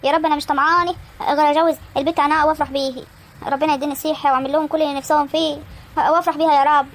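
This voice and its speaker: A woman's voice: high voice, little pitch movement, very fast, slight background noise, lightly acted. Woman voicing a stern old village grandmother. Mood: prayerful. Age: older. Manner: scolding, firm.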